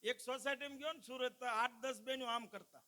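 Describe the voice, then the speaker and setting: Brief: male folk comedian, very high, sharp, ringing voice, animated stage delivery. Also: a little fast. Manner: animated, addresses the crowd as "saheb". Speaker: stand-up folk comedian at a dayro. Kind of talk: live comic storytelling to an audience.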